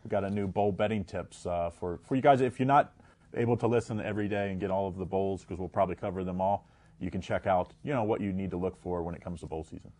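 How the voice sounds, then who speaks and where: Low-voiced man talking betting picks. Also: fast, a little mellow. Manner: conversational, hedging, self-correcting. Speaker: sports betting analyst. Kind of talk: casual sports betting talk.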